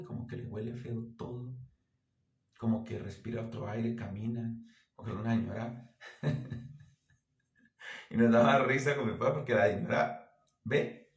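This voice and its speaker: A man preaching a sermon as pastor, earnest and exhorting, with lively anecdotes. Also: medium pitch, echoey room. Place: church.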